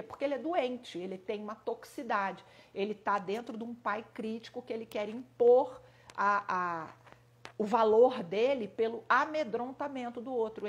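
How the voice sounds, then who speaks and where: A woman's voice: on the high side, slight background noise. A middle-aged woman giving an HR coaching talk to viewers, emphatic and repeating her points, acting out the voices she quotes. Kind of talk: live-streamed talk answering viewers.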